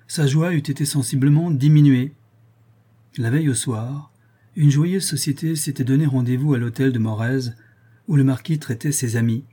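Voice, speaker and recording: Husky-voiced male storyteller. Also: medium pitch, warm tone. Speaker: audiobook narrator. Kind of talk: scripted narration.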